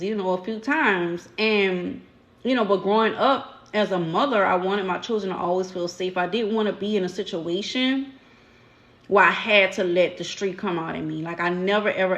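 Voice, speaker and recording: A woman's voice: mid-range voice, normal speed, fairly bright tone, reverberant, lo-fi sound. A woman from New Orleans with a local accent, telling stories in a candid, slangy way during a casual live-stream chat as the channel's host. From New Orleans, USA. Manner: candid, storytelling, slangy everyday speech.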